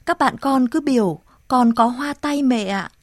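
A woman's voice: high-pitched, unhurried, no room sound, studio quality. A woman reading aloud and voicing an earnest young boy who cares for his sick mother, in a raised, eager tone.

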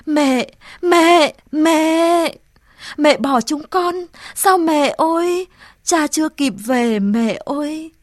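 A woman narrating takes on an earnest, soft-spoken young boy devoted to his ailing mother. The voice sits high and eager, close to the mic in a dry, dead space. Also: unhurried, dry recording. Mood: wailing.

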